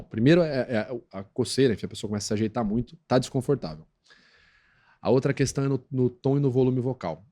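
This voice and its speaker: This is a man with a Brazilian accent, talking as a guest expert on a podcast. His pitch sits squarely mid-range, and his delivery is teacherly and explanatory. He leans on little tag questions to keep the listener with him, and he slips into squeaky acted-out voices when quoting others. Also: warm tone. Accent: Brazilian Portuguese. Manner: didactic, peppers talk with tag questions; acts out quoted voices in a high squeak. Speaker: guest expert on lie detection. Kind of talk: explanatory podcast interview talk.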